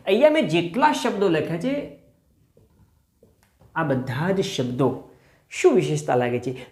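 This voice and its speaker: A man teaching a grammar lesson. He poses questions to the class, says example words slowly, and checks in with "hm?". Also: on the high side, darkish tone. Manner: asks the class rhetorical questions. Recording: echoey room.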